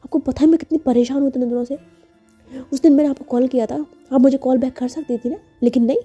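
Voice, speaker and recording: A woman voicing an angry young woman who scolds her partner in rapid, indignant bursts. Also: high-pitched, warm tone, muffled recording, faint music behind, voice pushed up, close to an everyday voice. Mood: furious.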